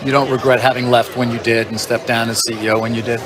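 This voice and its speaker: A man giving an unscripted broadcast report as a business reporter, halting clause by clause. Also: medium pitch, flat delivery, a crowd in the background, noisy background.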